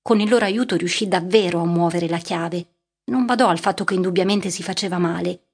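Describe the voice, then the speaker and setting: A woman narrating a literary audiobook in a measured, steady reading voice. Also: lowish voice, husky.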